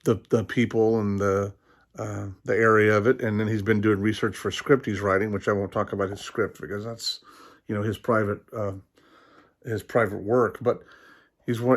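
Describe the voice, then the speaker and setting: A man hosting a casual vlog, rambling along with many ums and restarts. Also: fairly low pitch. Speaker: host.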